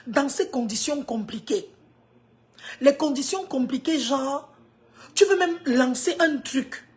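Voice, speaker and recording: A woman's voice: sits high, animated, slow pace. A woman in her fifties from Cameroon, with a Cameroonian French accent, giving an earnest motivational talk on a live stream. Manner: earnest, swings from hushed to emphatic.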